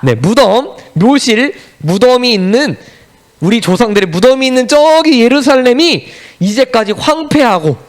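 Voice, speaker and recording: A man giving a children's sermon, telling a Bible story with lively narration and asking the children questions as he goes. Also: very high voice, moderate pace. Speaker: children's pastor.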